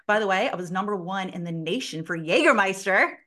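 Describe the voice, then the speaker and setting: Woman, sales consultant, animated storyteller, casual swearing, mid-pitched voice. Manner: lively, fast storytelling full of "like" fillers, with casual swearing. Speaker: sales consultant and podcast guest.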